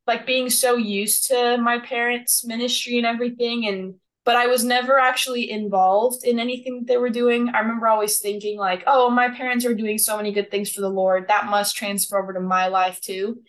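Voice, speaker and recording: A woman's voice: fairly high pitch, flat delivery, normal speed, hardly any pauses, fairly bright tone. A woman in her twenties who grew up in El Salvador, a podcast guest telling stories in a bubbly, giggly way. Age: 20s. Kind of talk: casual storytelling.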